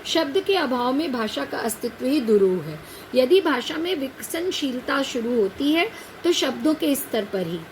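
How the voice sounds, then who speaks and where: A woman with a high, bright-pitched voice teaches a class in a patient, explanatory way. She keeps asking rhetorical questions and checking whether her students follow. Faint noise hums behind her. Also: rough recording. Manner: patient, addresses students as "बेटा". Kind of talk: classroom lecture on a set text.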